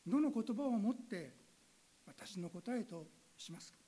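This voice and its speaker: A woman's voice: mid-range voice, expressive, measured pace, mellow, breathy edge, rough recording. A woman pastor giving an earnest sermon that asks her listeners direct questions, then leading a spoken prayer.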